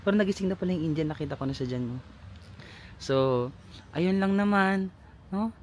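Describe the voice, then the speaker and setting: A man's voice: sits high, normal speed, slight background noise. A man, chatting animatedly in a casual travel vlog outdoors, laughing often. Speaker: travel vlogger. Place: outdoors in a lakeside village.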